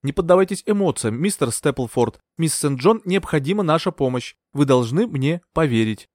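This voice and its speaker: Man voicing a condescending psychiatrist, audiobook, unruffled, professional, lively pitch. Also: normal speed, no room sound, studio quality. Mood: soothing. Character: calm, condescending male psychiatrist. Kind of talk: audiobook character voice.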